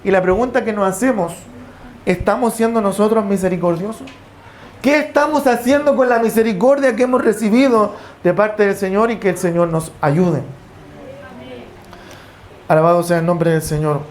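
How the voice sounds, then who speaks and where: Preacher, church service, mid-pitched voice, reads verses, asks the room questions, repeats praise phrases, faint ambience. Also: normal speed, a little hiss or hum. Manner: reads scripture aloud and questions the congregation. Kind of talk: sermon.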